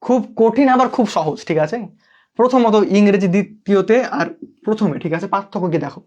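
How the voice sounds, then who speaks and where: A man's voice: sits high, animated, a little fast, a little mellow, dull audio. A young man with a Bangladeshi Bengali accent teaching a live online English class, checking in with students again and again. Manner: checks in constantly, asks students to comment. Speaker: English tutor.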